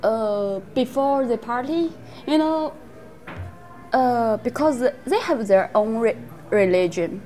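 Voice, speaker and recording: A young woman from China, a native Hmong speaker with a Hmong accent, tells stories casually in halting English, searching for words. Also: a little high, lively intonation, mellow, faint music behind. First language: Hmong (Miao). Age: young adult. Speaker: interviewee. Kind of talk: casual storytelling in conversation.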